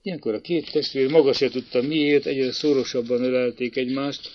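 A man narrating a story in a measured, dramatic reading. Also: medium pitch, fairly even intonation. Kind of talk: audiobook narration. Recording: dull lo-fi dry recording.

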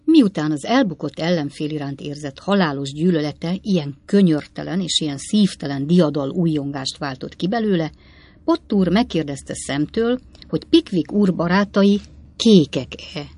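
A woman narrating a classic novel for an audiobook, measured and expressive. Her voice sits low and husky. The recording is dry and close, with no room sound. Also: dry recording.

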